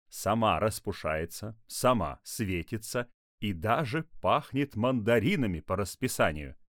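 A man playing a proud, easily flustered father who brags and shouts orders, in a read-aloud story. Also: fairly low pitch, dry recording, studio quality. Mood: boastful. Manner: boastful, then shouting orders. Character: flustered proud middle-aged dad.

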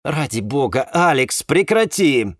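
A man's voice: medium pitch, very animated, unhurried, no room sound, clean studio sound. A man reading an audiobook, voicing an angry, sarcastic young woman. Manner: sarcastic, snapping, voice breaking when shouting. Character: bitter, angry young woman, sharp-tongued.

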